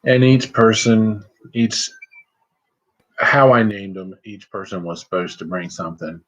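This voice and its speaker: A middle-aged man chatting casually and folksily on a livestream, rambling along with hesitant pauses. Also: fairly low pitch, flat delivery, fairly bright tone. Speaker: host of a livestream vlog. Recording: slightly muffled, lo-fi livestream audio.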